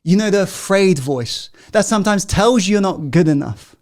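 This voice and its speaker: A man hosting a live motivational masterclass, firing rhetorical questions at his audience and swinging between loud, emphatic urging and hushed, intimate asides. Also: high voice, expressive, normal speed.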